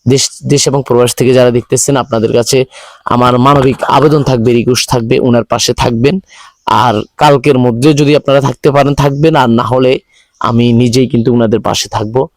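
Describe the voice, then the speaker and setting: A man with a Bangladeshi accent hosting a charity video, speaking in a halting, repetitive, pleading way to viewers. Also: mid-range voice, fairly even intonation, dry recording. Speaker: charity video host appealing for donations. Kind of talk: earnest spoken appeal to viewers, interviewing.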